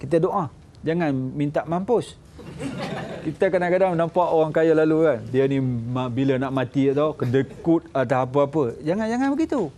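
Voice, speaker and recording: A man with a Malaysian Malay accent, a religious teacher giving a lively sermon and acting out little scenes. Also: moderate pace, a little hiss or hum. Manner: animated, acts out little scenes, jumps to high voices. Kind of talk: lively sermon with acted dialogue.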